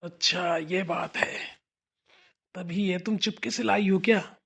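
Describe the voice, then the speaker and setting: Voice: mid-range voice, steady tone, creaky, fairly bright tone, slightly rough, muffled recording, full character voice. A voice artist playing a teasing old father-in-law in a cartoon. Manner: slow, teasing. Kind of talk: cartoon voice acting.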